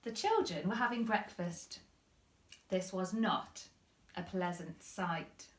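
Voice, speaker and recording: A woman reading a children's story expressively, with deliberate phrasing, in a roomy-sounding recording. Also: fairly low pitch. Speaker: primary school teacher reading stories.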